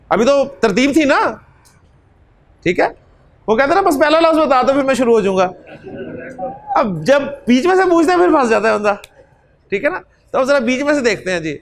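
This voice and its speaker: High-voiced man teaching class. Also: fairly bright tone. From Pakistan. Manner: patient, repetitive, often adds "ji". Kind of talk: classroom lecture with recitation drills. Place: classroom with students.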